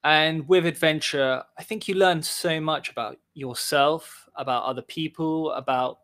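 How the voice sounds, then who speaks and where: A man's voice: on the high side, steady tone, a little slow, a bit bright. A man talking as a guest on a podcast over a call, reflective and rambling, saying "sort of" often. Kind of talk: casual podcast interview. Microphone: remote call.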